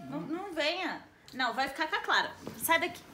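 A woman's voice: high voice, lively intonation, fast, sharp tone, faint music behind. A young woman in a playful vlog squabble, insistent and mock-offended, repeating her refusals. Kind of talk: playful bickering vlog chat. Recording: echoey room with crowd chatter.

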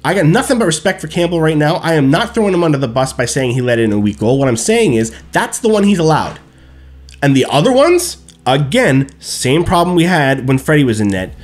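Seated in a gaming chair in a small room at home, a streamer in his thirties rants emphatically on a headset after a hockey game ends. His voice runs on the high side and fairly quick, and he keeps checking in with viewers using "okay?" and "right?"

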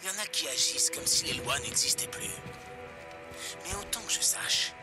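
Defiant pirate radio preacher played by an actor, music behind. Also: male voice, fairly high pitch, animated, normal speed, lightly acted. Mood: defiant, preachy. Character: defiant anti-government survivalist pirate radio host. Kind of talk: pirate radio monologue, fiery political rant. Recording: loud music over the voice.

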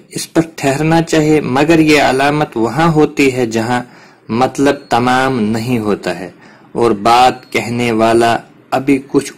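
Patient male teacher explaining rules. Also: medium pitch. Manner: patient, explains step by step with examples. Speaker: Quran tajweed teacher. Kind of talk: explanatory lesson.

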